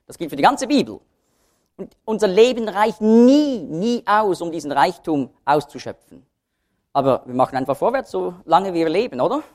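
Male Bible teacher, animated intonation, explanatory lecture delivery, emphatic repetition. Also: high voice, moderate pace.

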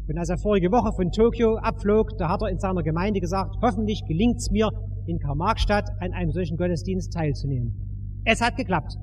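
High-voiced man leading a church service. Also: a little fast, darkish tone, a little hiss or hum. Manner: storytelling, informal, addressing the crowd directly. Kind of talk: announcing to a congregation.

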